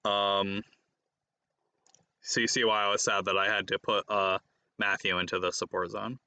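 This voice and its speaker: Bright-voiced man teasing over a card game. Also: fairly low pitch, moderate pace, dry recording. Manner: playful, teasing, bursts into excited laughter. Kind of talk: casual chat while playing a card game.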